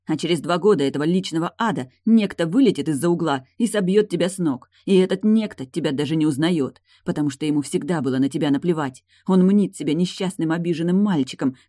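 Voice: mid-range voice, warm tone, dry recording, studio quality, lightly acted. A reader voicing a bitter, mocking young woman who was badly injured, sarcastic and cutting in an audiobook dialogue.

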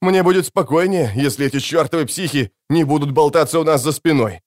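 A man's voice: on the high side, brisk, voice pushed up, close to an everyday voice. A man voicing a thin, suspicious older male prison guard in a home-made audiobook. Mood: uneasy.

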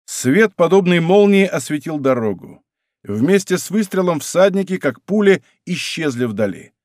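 A male narrator reads an adventure story with lively, dramatic intonation. His pitch sits slightly high. The recording is close and dry. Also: normal speed, no echo. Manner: expressive, dramatic reading. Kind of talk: audiobook narration.

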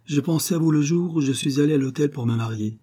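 A man's voice: on the high side, fast talker, dark tone, breathy edge, voice pushed up. A man voicing a proud, wounded young aristocratic widow who speaks in a pleading, bitter way. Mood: bitter, wistful.

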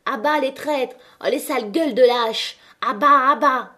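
A woman's voice: high-pitched, normal speed, voice pushed up. A woman voicing a jeering mob of strikers. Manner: jeering, shouting. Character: angry crowd of striking miners.

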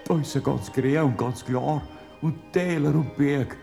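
A man's voice: medium pitch, unhurried, gravelly, dark tone, soft background music. An actor playing a humble old peasant man, hesitant and full of wonder, with a Bavarian accent. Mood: awed. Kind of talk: theatrical dialect drama acting.

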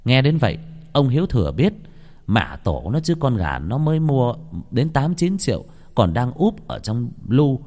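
A man narrating a scripted horror story, dramatic and expressive. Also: medium pitch, normal speed. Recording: long hall reverb.

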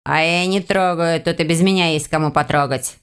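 A woman's voice: sits low, steady tone, moderate pace, clean tone, pitched below the performer's own voice. A woman voicing a rude, grumbling young male forest spirit in an audiobook. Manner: blunt, grumbling.

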